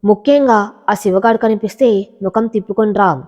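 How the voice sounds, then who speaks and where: A harsh, domineering rich village father, as a woman narrator puts him on in an audio storybook. He talks in a mid-pitched, commanding voice, and the dull recording carries a long hall-like reverb. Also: normal speed, a little mellow, natural voice. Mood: stern. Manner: commanding, scolding. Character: stern wealthy village landlord father, older man.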